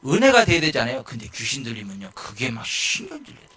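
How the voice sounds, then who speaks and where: A male pastor giving a lively sermon in a church, rising to shouts and acting out the people in his stories. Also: mid-range voice, quick pace, slightly rough. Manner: animated, shouting at peaks, mimicking people.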